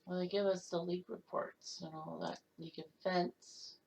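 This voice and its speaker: A woman hosting a casual recap of a simulated baseball season, reading off league leaders with quick asides and self-corrections. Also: on the low side, fairly even intonation, a little mellow, slight background noise, low-quality recording. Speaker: host. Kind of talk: casual game stats recap.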